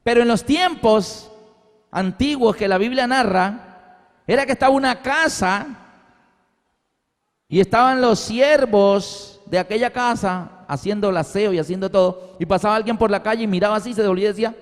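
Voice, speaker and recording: A man preaches a sermon, telling the story with animation and acting out the voices of its characters. His voice is high at a moderate pace, with long hall reverb.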